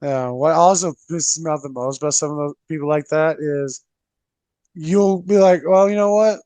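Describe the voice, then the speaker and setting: A man's voice: normal speed, darkish tone, dry recording. A man chatting on a podcast, blunt and full of swearing, mimicking other people as he talks. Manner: blunt, profane, swings his pitch mimicking others. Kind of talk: casual chat.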